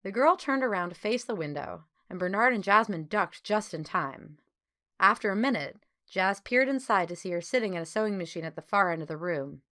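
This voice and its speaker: A female audiobook narrator reads a children's story with clear phrasing and an expressive style. Her pitch is medium, and her pace is a little fast.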